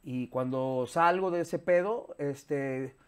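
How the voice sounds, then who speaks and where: A man in his fifties with a Mexican accent, talking candidly as an interview guest, animated and swearing freely, recorded on a lapel mic in a studio. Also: mid-range voice, takes it slowly, smooth. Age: 50s. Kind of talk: casual interview chat. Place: studio set with sofa.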